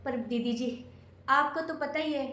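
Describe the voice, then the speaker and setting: A woman's voice: sits high, measured pace, bright, forceful tone. A woman playing a poor, humble housemaid who speaks deferentially to her employer in a home-made short drama. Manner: deferential, addresses employer politely. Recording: echoey room.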